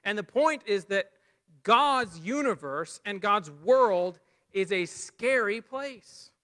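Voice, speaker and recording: A man preaching a lesson, animated, rising loud for emphasis and dropping low and quiet for key points. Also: slow pace. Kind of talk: sermon lesson.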